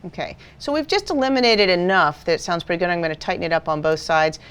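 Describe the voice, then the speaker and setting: A woman instructor calmly explaining audio editing steps in a screen-recorded software tutorial. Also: fairly low pitch, quick pace, smooth. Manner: patient step-by-step explaining.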